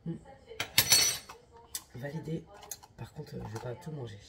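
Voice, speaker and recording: A young woman, a lifestyle vlogger, chats straight to her viewers in a casual, slangy, exclamatory vlog. Her voice is bass and gravelly, with a measured pace, and the recording is very noisy.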